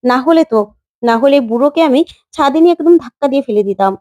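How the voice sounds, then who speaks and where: A young man who sticks by the heroine talks in a relaxed, casual way, as a woman narrator lowers her voice for him. The tone is warm and mellow, and the sound is dry. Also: quick pace, no room sound. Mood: sly.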